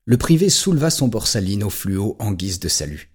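A man's voice: lowish voice, sing-song, moderate pace, breathy edge. A man narrating a story in an audio drama. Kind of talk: scripted narration.

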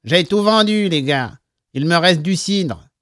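A man's voice: fairly high pitch, expressive, measured pace, fairly bright tone, dry recording, clean studio sound, pitched above the performer's own voice. A man voicing a nasal, servile male bar owner with a fixed smile. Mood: wheedling.

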